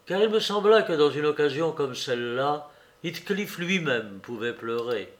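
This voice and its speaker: Slow, measured male audiobook narrator. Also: a little high, expressive. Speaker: audiobook reader. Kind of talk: literary narration.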